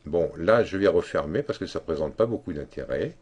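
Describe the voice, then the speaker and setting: A man giving a screen-recorded software tutorial, explaining step by step in a halting way with many fillers and restarts. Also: low-pitched, lively intonation, husky. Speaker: tutorial instructor.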